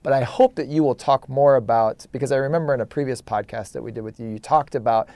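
A man who is a psychologist and podcast co-host, talking thoughtfully in a casual panel chat, often pausing on fillers. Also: mid-range voice, dark tone, no room sound.

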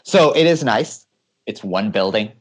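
A man from California answers interview questions as a guest engineer. His voice sits low, and he explains things eagerly, often laughing as he talks. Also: animated, a little slow.

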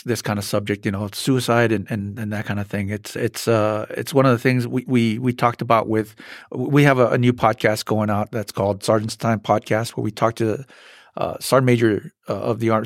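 A man hosting a podcast interview, speaking haltingly with many restarts and fillers. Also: fairly low pitch, no room sound, studio quality. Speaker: podcast host, journal staff.

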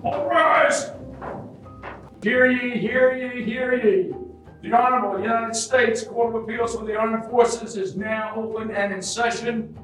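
A man acting as a formal court crier, calling out a solemn, drawn-out ceremonial proclamation to bring a courtroom to order. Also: very high-pitched, fairly even intonation, a bit bright. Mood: solemn, proclaiming. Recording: very echoey room, distant, music behind.

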